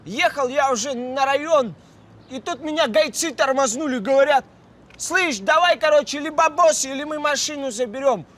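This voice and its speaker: A squeaky-high cartoon street hustler. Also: male voice, moderate pace, fairly bright tone. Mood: sheepish, wheedling. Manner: slangy, wheedling, mock-dignified. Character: wily young street hustler taxi driver, smooth-talking, chummy. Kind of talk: animated comedy dialogue.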